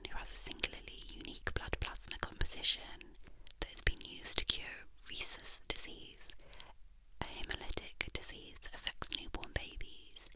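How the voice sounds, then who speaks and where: Someone whispering closely, right in the listener's ear, reading facts in a measured ASMR style into a binaural microphone. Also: low-quality recording. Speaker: ASMR narrator.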